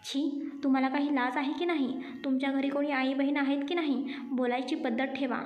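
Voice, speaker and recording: A woman's voice: sits high, flat delivery, fairly quick, lo-fi sound, lightly acted. A woman voicing a frightened, tearful young woman in a storybook reading. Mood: indignant. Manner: tearful, pleading. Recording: echoey room with faint music.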